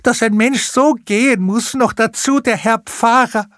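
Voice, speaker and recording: A man voicing a sobbing, plump old female housekeeper who wails and laments in a husky falsetto. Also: unhurried, a bit bright, no echo, clean studio sound. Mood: wailing. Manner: wailing, lamenting.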